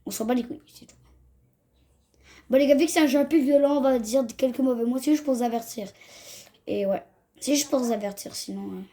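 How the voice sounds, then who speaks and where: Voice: sits high, a little fast, long pauses, warm tone. A young gamer, chatting casually to viewers over a let's-play in slangy talk. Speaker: gaming video host. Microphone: phone.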